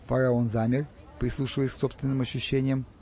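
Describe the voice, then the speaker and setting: A man reading an audiobook with even storytelling delivery, in a dull lo-fi recording. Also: medium pitch, a little fast, heavy background noise. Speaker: audiobook narrator. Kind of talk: scripted narration.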